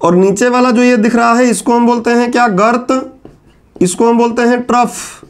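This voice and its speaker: A man giving a classroom lecture at a whiteboard. He asks the class questions, answers them himself and slowly repeats key terms. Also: extremely high pitch, steady tone. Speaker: teacher.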